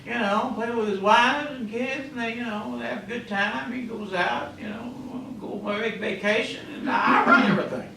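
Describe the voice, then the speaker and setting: Male pastor, sermon delivery, fairly high and sharp tone, booming then hushed, sanctuary echo. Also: steady tone, normal speed, vocal fry, few pauses, a little hiss or hum. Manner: swings between loud emphatic calls and quiet asides; peppers speech with "you know" and "amen". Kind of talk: preaching a sermon. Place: church sanctuary. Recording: echoey church, mic at a distance.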